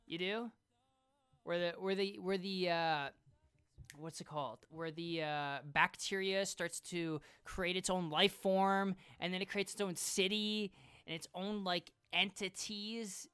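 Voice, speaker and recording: A streamer reacting live, rambling and excitable, who swears often. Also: female voice, on the low side, unhurried, clean tone.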